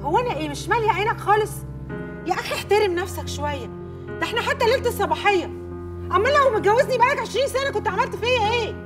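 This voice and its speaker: An actress with an Egyptian accent playing a jealous, quick-tempered young newlywed bride in a TV drama. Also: female voice, high voice, far from the mic, natural voice. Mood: accusing. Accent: Egyptian Arabic. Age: young adult. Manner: rapid, accusing, flares into shouting. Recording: music under the dialogue.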